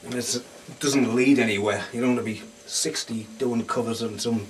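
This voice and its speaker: A man's voice: medium pitch, fairly even intonation, moderate pace. Easygoing Northeast English man, distant. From Sunderland, England. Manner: easygoing, rambling. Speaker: band guitarist and singer. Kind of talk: casual interview chat. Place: lounge bar. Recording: distant mic, faint room noise.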